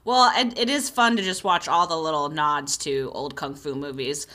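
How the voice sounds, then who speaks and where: A woman's voice: low-pitched, fairly even intonation, moderate pace, bright, forceful tone. A woman co-hosting a podcast, chatting casually about a cartoon episode in a laid-back way, laughing often and using many fillers. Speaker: podcast co-host.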